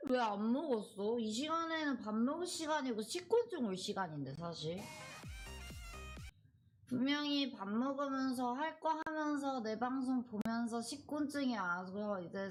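A woman livestreamer talks casually to her viewers in a mid-pitched voice, with soft music behind her. She teases playfully and thinks out loud, her articulation slightly slurred by a retainer. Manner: playful, teasing, thinking aloud. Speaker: live streamer. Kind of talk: casual chat with stream viewers.

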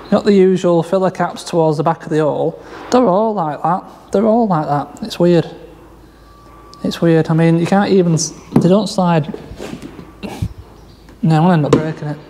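A man's voice: sits high, expressive, measured pace, long pauses, mellow, a little hiss or hum. Rambling man in an echoey workshop. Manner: rambling, hesitant, with many fillers and restarts. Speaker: car salvage vlogger. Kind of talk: casual walkaround commentary. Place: large workshop garage.

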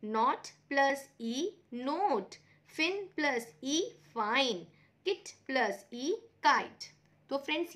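A woman's voice: high voice, fairly bright tone. A woman teaching a phonics lesson for parents, patiently spelling words out letter by letter.

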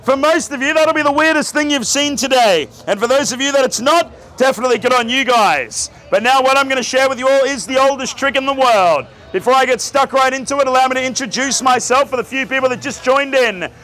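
A man's voice: very high voice, fairly quick, hardly any pauses, pushed and bright, poor audio. An Australian man in his thirties performing as a theatrical street magician, projecting and joking to an outdoor crowd. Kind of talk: live street magic show patter to a crowd. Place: outdoor night street market with onlookers. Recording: outdoor camera, crowd and music behind.

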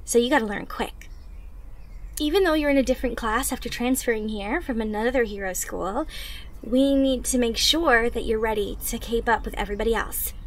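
An audio roleplay performer with a slightly high, fairly quick voice plays an upbeat teenage girl superhero trainee in an anime fan roleplay. She coaches the listener directly in a bubbly, encouraging way, explaining as she goes.

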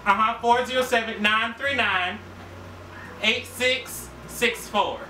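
A man's voice: extremely high pitch, takes it slowly, pushed and bright, a little hiss or hum, heavily acted. A young man playing an earnest, polite department store worker on a straight-faced prank call. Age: young adult. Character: earnest male farm-owning lingerie department worker calling off. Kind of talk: improvised prank phone call. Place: small living room. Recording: roomy, distant camera sound, music.

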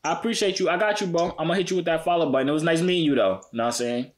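A man in his twenties with an American accent chats online with strangers as a vlogger, using slang in a casual, playful, teasing way. His voice is fairly high-pitched and rapid-fire.

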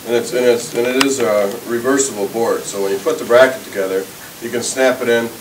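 A man's voice: medium pitch, steady tone, fairly quick, reverberant, recorded from a distance, background noise. A man in his thirties demonstrating fishing tackle in an indoor shop, explaining step by step with frequent restarts. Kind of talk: casual product demonstration.

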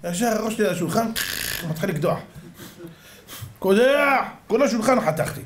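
A man's voice: high-pitched, lively intonation, background noise, voice pushed up. A man voicing a timid, embarrassed taxi driver who speaks hesitantly and apologetically. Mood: sheepish. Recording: echoey room.

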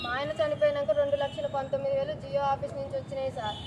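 A woman's voice: sits high, flat delivery, racing. A young woman in her twenties, making an urgent, pleading appeal to officials outdoors and repeating herself as she talks. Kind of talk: distressed street appeal to reporters. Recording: street recording with traffic noise. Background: traffic and street noise.

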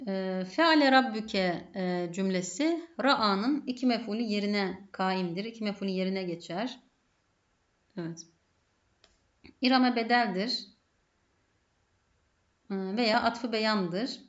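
A Turkish-accented woman talks through a grammar lesson in a methodical way, often putting a question and answering it herself. Her voice sits at an ordinary pitch, and the recording is dull and lo-fi. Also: slow, pauses often. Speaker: Arabic grammar teacher.

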